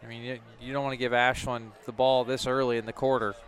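A man's voice: medium pitch, level tone, quick pace. A man with an American accent giving conversational color commentary on a football game from outdoors on a windy press box. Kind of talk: conversational sports analysis. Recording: windy outdoor stadium broadcast.

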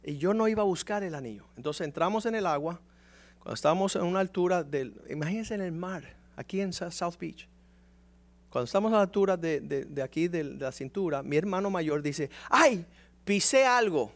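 A man in his forties preaches his testimony from the pulpit, telling it as a story. His voice sits fairly high, and he slips into other voices to act out each scene. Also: a little fast, a little mellow. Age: 40s. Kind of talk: sermon testimony.

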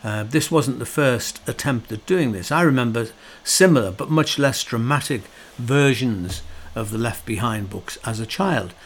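A man's voice: mid-range voice, normal speed, hardly any pauses. A middle-aged man giving a reflective, conversational monologue, full of fillers and restarts, with a wry and sorrowful tone. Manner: wry, sorrowful tone about his subject.

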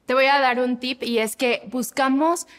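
Woman, young adult, devotional talk, animated, fairly high voice, long reverb. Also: a little slow. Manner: animated, acts out examples with voices.

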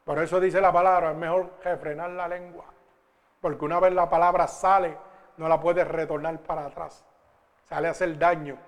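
A male preacher delivering a sermon, fervent and emphatic, swelling loud as he reads scripture. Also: fairly high pitch, level tone, moderate pace.

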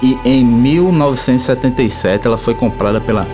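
A man with a Brazilian accent hosting a casual talk show, informal and halting, repeating his words. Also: mid-range voice. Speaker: radio show host. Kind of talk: casual hosted talk about travel places. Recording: music playing behind the voice. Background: instrumental music.

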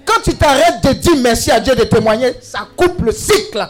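High, animated preacher man. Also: moderate pace. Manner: exclamatory, call-and-response with the congregation; humorous asides and teasing. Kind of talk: sermon.

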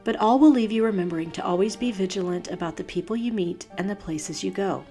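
Woman, true crime narrator, scripted podcast storytelling, measured and serious delivery, medium pitch. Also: warm tone, soft background music.

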